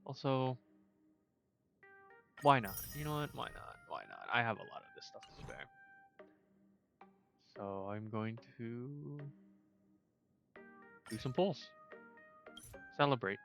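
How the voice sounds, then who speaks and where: A man streaming a video game live, chatting casually, swearing and talking straight to the game with sudden loud outbursts. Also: mid-range voice, sing-song, slow pace, creaky, pauses often, faint music behind. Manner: talks to the game, swears, bursts into loud exclamations. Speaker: livestreamer. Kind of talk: casual gaming livestream commentary.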